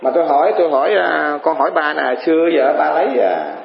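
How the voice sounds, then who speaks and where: A man's voice: fairly high pitch, expressive, fast, vocal fry, slight background noise. A man giving a Dharma talk to an assembly as a monk teacher, telling folksy stories and acting out the people in them. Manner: folksy storytelling, acts out quoted voices, chuckles. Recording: muffled echoey room with faint ambience.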